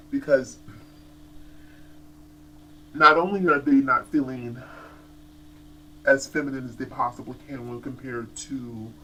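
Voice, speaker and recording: A man giving casual commentary as a TV show reviewer, animated and chatty, often restarting his sentences. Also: mid-range voice, a little hiss or hum, rough recording.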